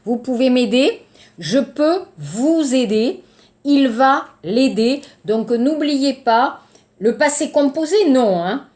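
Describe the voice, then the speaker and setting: A woman teaching a grammar lesson to a class, explaining slowly and checking in often. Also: high-pitched, expressive, a little mellow. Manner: slow, deliberate explaining with checks like ok and d'accord. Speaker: French teacher.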